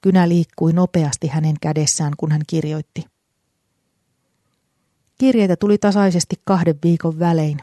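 A narrator reading a story aloud in a calm, even storytelling manner. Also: mid-range voice, pauses often, no room sound, clean studio sound. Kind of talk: audiobook narration.

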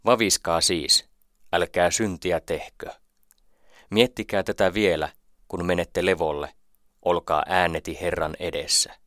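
A man giving a slow, measured, solemn reading of psalms as a scripted Bible reading. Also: low-pitched, steady tone, a bit bright, no room sound, studio quality. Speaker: scripture reader.

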